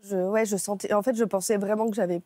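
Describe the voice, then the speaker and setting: Her tone steady and her voice mid-range, mellow and warm, a woman appears as a guest on a TV talk show set to recount a personal ordeal. Emotion makes her halting, and she keeps breaking off and restarting to find words. A close lapel mic records her dry, with no echo.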